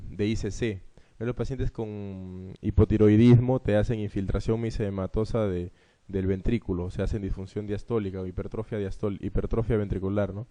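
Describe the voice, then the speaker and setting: Man, Peruvian Spanish accent, medical lecturer, exam review, low mellow voice, explanatory. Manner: explanatory, frequent rhetorical "¿no?" tags.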